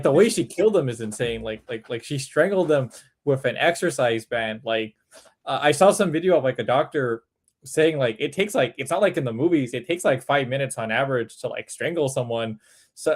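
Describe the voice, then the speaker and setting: A man's voice: medium pitch, fairly quick. Rambling man full of "like". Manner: rambling, heavy filler "like". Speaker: podcast co-host. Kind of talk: casual chat.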